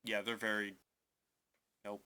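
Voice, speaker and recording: Man game master, low-ish voice, bright tone, halting narration, lots of fillers. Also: level tone, clean tone.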